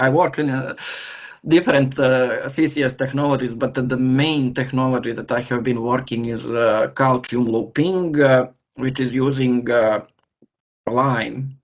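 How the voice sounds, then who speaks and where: A man from Serbia, a professor giving an online lecture, pausing often as he searches for words over a video call. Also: medium pitch.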